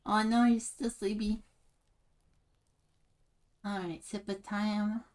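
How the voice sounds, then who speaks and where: A woman's voice: mid-range voice, little pitch movement, takes it slowly, a little mellow. A young woman streaming a game, playfully chatting and reading game text aloud with frequent giggles. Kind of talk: game playthrough with commentary.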